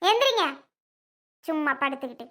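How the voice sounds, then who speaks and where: A woman's voice: sits high, sing-song, moderate pace, fairly bright tone. A woman playing a mother-in-law who scolds and fusses over her son-in-law. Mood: scolding. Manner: scolding, fussing. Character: flustered mother-in-law, embarrassed by pleading son-in-law.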